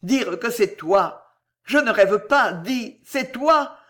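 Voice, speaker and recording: A reader voicing a huge, rough male executioner who declaims with big emotional swings. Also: mid-range voice, animated, slow pace, a bit bright. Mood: tender.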